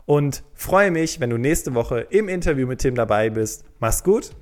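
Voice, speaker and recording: A man's voice: mid-range voice, animated. Man hosting a career advice podcast. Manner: speaks directly to the listener, checks in with a quick "okay?". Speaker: podcast host.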